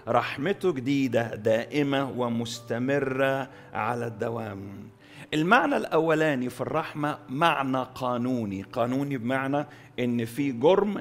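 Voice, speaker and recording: A male pastor with an Egyptian Arabic accent preaching a sermon, pushing key words loud, letting line endings fall soft, and repeating phrases for stress. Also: medium pitch. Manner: emphatic, swings between loud stresses and soft drawn-out endings. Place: church hall.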